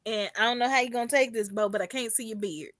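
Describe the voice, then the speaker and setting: A woman's voice: a little high, quick pace, fairly bright tone, dry recording, studio quality. A woman co-hosting a casual group podcast, teasing and bossing her friends around in banter. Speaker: podcast co-host.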